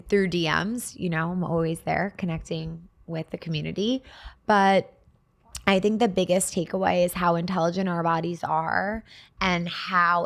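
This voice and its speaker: A woman chatting casually and earnestly in a personal wellness vlog, with a millennial way of talking. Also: lowish voice. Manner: millennial casual talk with "like", "literally", "obsessed". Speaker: wellness vlogger.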